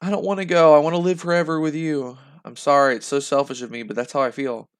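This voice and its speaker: Crying young girl, high strained sobbing, pleading; man doing the voice. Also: fairly even intonation, fast, clean tone, lightly acted. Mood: tearful. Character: crying eleven-year-old girl, tearful and pleading.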